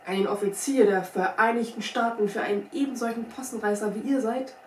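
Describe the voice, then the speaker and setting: A woman's voice: on the high side, fairly quick, close to an everyday voice. A woman voicing a pompous, easily flustered male army captain who turns indignant and stammers when startled, recorded from a distance in a roomy space. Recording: roomy sound from a distant mic, faint hiss.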